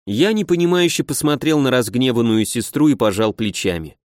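A man narrating a first-person audiobook in an even, wry, conversational way. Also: medium pitch, fairly quick, no echo, clean studio sound. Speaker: audiobook reader.

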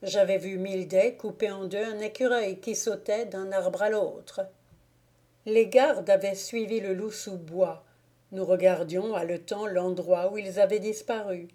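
Slow, mellow woman reading a novel. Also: medium pitch, steady tone. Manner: slow, measured, soft-spoken reading. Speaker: audiobook reader. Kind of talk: scripted narration of a classic novel. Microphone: home recording, volunteer reader.

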